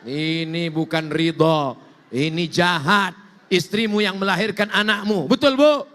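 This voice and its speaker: High, bright-voiced preacher in a hall. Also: male voice, a little slow. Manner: animated storytelling, swings between high and low. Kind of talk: sermon. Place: large mosque. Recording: long hall reverb.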